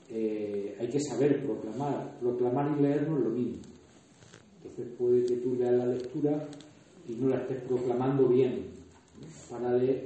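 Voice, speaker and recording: A man's voice: medium pitch, dark tone. A man from Murcia with a Murcian Spanish accent, giving a conversational lecture on liturgy to a workshop group, explaining with examples and asides. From Murcia, Spain. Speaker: liturgy trainer. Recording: echoey hall, distant mic, dull sound.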